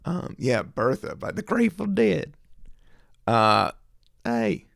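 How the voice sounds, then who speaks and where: A laid-back man talks through his own podcast, wandering from thought to thought with plenty of fillers. His voice has a gravelly edge at a middle pitch. The sound is dry and close, with no room around it. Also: very animated, slow pace, a bit bright, no room sound. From American South. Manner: rambling, laid-back, many fillers, laughs and sings snippets. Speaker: podcast host. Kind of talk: casual solo podcast chat.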